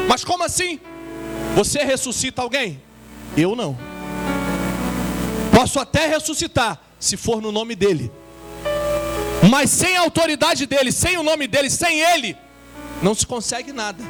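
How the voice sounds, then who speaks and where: A man preaching a dramatic sermon in church and quizzing the congregation with questions. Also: very high-pitched. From Brazil. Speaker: guest preacher.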